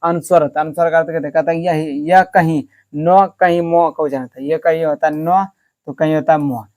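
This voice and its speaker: A man with a slightly raised voice teaches in a patient classroom manner. He asks questions and answers them himself, and checks in again and again. He draws words out slowly to model how they sound. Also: on the high side, steady tone, a little mellow. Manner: stretches words out slowly to show pronunciation. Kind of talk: classroom-style lesson.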